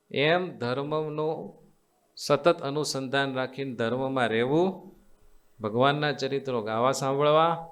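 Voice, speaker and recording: A man with a Gujarati accent giving a devotional sermon as a swami, teaching in a coaxing, repetitive way and quizzing his listeners with call-and-response questions. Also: mid-range voice. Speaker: swami giving a religious discourse. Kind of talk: devotional sermon to a live assembly.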